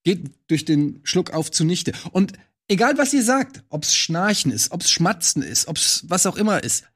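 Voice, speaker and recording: Male panelist, high and very animated voice, builds suspense then rushes. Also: slightly rough. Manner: dramatic build-ups, bursts of speed, laughing. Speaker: panel player. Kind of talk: comedic casual chat.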